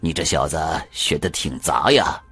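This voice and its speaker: A man voicing a gruff old male exorcist who talks in curt, scoffing lines. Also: very deep voice, moderate pace, a bit bright, faint music behind, heavily acted.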